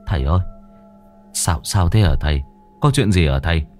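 A flustered young husband stammers and restarts his sentences, trying to sound reassuring. A man voices him deep and quiet, with faint music behind. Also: moderate pace, lightly acted. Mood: anxious. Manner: low, hesitant, repeating words.

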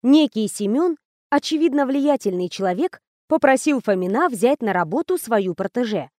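High-voiced woman reading an audiobook. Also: lively intonation, normal speed, darkish tone, dry recording, studio quality. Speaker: audiobook narrator. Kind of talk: first-person audiobook narration.

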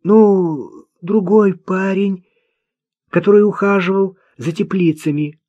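A man's voice: sits high, takes it slowly, mellow, dry recording, pitched above the performer's own voice. A man voicing a simple-minded, vengeful young man in an audiobook, talking bluntly and childishly. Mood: sullen. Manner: childish, blunt, hate-filled. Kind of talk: audiobook character voice. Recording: dull dry lo-fi recording.

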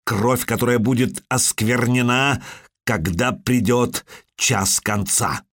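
A man's voice: medium pitch, slow, fairly bright tone, no room sound, studio quality. A man voicing a cold, hostile spirit with a metallic, mocking voice in an audiobook. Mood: ominous. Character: cold hostile male spirit speaking through a child.

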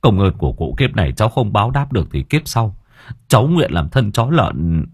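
A man reading an audiobook, voicing a rough but loyal young male vagabond who pleads frantically and stammers. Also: on the low side, very animated, a little fast, no echo, clean studio sound, heavily acted. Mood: humble gratitude.

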